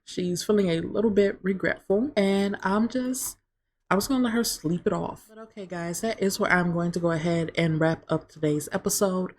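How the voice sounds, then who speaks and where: A woman's voice: fairly low pitch, moderate pace, darkish tone. A woman hosting a let's play, chatting casually and storytelling as she narrates her game. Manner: chatty, storytelling, says "like" a lot.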